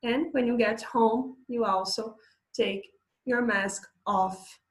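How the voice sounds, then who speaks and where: A woman teaching an English lesson in a casual, hesitant way, filling pauses and laughing now and then while she describes pictures. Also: fairly high pitch, fairly even intonation. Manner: slow, hesitant, many fillers, laughs often.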